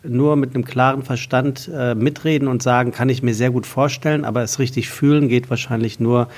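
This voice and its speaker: A man talks loosely in a casual podcast, stirring up debate with teasing questions. He hesitates often, with fillers, at an average male pitch. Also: steady tone, a little fast, darkish tone. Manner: provocative, hesitant with many fillers.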